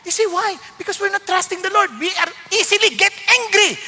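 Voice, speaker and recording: A man's voice: extremely high pitch, brisk. A man with a Filipino accent preaching a sermon, switching between Tagalog and English and acting out the voices of complainers. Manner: animated, mixes Tagalog and English, acts out complainers. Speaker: pastor. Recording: long hall reverb.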